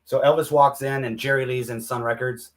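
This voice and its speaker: A man's voice: mid-range voice, fairly even intonation, a little fast. Laid-back man telling stories. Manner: laid-back storyteller, drops into impressions. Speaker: co-host. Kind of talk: casual chat.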